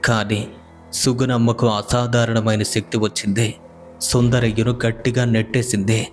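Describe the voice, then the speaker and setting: A man narrating a scripted horror story in a measured, even storytelling manner. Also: mid-range voice. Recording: faint music behind the voice.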